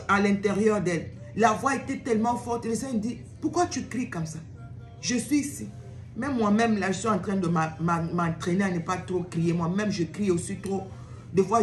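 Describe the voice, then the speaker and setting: A woman's voice: mid-range voice, roomy sound. A woman host giving an informal sermon to camera, exhorting her listeners, repeating words for emphasis and slipping into English phrases.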